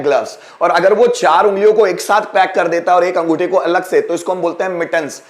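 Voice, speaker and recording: A man teaching English vocabulary who explains slowly, repeats each word and asks and answers his own questions. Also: high voice, echoey room. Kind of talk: vocabulary lesson.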